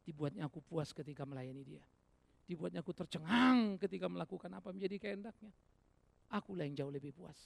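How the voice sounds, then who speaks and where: Talking fast and expressively, this preacher has a high voice with vocal fry. His sermon alternates booming appeals with quiet asides and is full of rhetorical questions aimed at the congregation, captured without echo.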